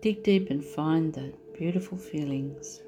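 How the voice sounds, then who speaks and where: Woman, meditation guide, soft soothing delivery, lowish voice, music under the voice. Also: unhurried.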